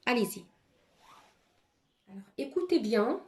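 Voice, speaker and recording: A woman's voice: fairly high pitch, animated, unhurried, dark tone. A woman teacher giving a dictation lesson to children, articulating each word carefully and repeating it twice. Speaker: primary school teacher. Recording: roomy echo.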